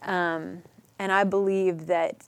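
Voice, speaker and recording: A middle-aged woman telling a personal story as a podcast guest, earnest and halting, sometimes dropping to a near whisper. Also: fairly low pitch, little pitch movement, clear, resonant tone, dry recording.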